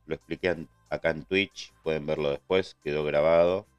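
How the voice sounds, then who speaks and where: A man's voice: rumbling low, fairly even intonation, normal speed, smooth, muffled recording, faint music behind. A man with an Argentine accent hosting a casual live trading stream, chatting loosely and answering his viewers. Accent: Argentine Spanish. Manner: chatty, answers chat and thanks subscribers.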